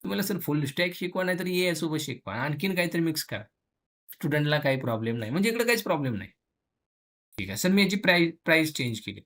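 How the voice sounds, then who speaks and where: A man teaching programming in a casual classroom lesson, colloquial and chatty, slipping in English phrases and acting out the tables and students in quick asides. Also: on the high side, animated, a bit bright.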